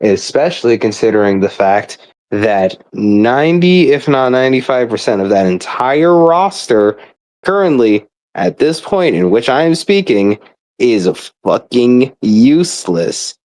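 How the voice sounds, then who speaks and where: His medium-pitched, slightly mellow voice takes on a sing-song, unhurried quality as this young man complains about a video game. The rant is casual and rambling, exasperated and emphatic, peppered with swearing in true gamer-venting style.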